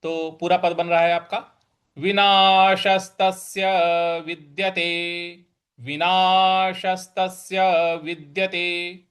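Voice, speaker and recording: A man with a fairly high voice leads a slow recitation lesson. He spells out each syllable with care and stresses the hard sounds. Now and then he chants the full verse in a sing-song tone. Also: flat delivery, fairly bright tone, clean tone. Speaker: scripture teacher.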